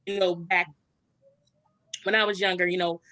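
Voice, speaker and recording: Casual interviewer, bright timbre, filler-heavy questions, dry close sound. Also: mid-range voice, moderate pace, no echo. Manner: relaxed, loose, with frequent fillers.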